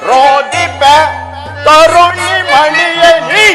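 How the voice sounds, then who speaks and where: A man playing the mighty prince Bhima in a village stage drama, singing drawn-out verses and declaiming to his wife. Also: very high-pitched, steady tone, heavily acted. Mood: soothing, sung. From Karnataka. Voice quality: sings drawn-out verses, declaims dialogue in bursts. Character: mighty prince Bhima, devoted protective husband. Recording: live stage recording over loud music.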